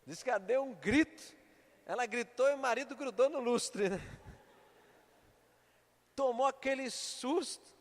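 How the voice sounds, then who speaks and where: A male pastor with a Minas Gerais Brazilian accent delivers a sermon in a high voice, moving from lively storytelling to urgent exhortation. His words ring out with the long reverb of a church hall. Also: a little slow, long pauses. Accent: Brazilian Portuguese, Minas Gerais.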